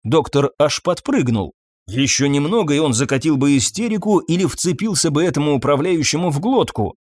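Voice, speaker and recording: Male narrator, storytelling, lively pitch, slightly high voice, dry close mic. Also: fairly quick, no echo. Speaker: audiobook narrator.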